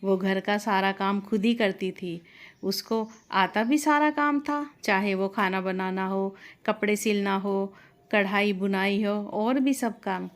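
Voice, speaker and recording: A woman narrating a scripted family story in a steady, plain storytelling manner. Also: mid-range voice, slow pace.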